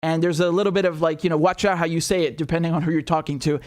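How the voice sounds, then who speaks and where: A man giving casual, unscripted live news commentary in a rambling, halting way that drifts into tangents. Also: fairly high pitch, steady tone.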